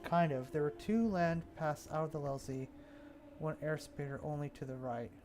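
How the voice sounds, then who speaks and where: A man casually thinking aloud as he builds a game map, musing and talking to himself in an unhurried way. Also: on the high side, darkish tone, slight background noise.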